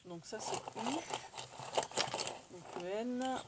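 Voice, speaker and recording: A woman's voice: on the high side, very slow, very noisy. A woman with a French accent demonstrating a craft tool, chatting casually and thinking aloud as she works. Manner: chatty, thinks aloud while working, many fillers. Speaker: craft tutorial host.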